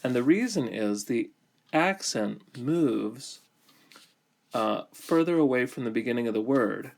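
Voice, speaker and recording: A man teaching a grammar lesson, explaining step by step in slow, deliberate phrases with many pauses. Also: mid-range voice, expressive, gravelly, a little mellow.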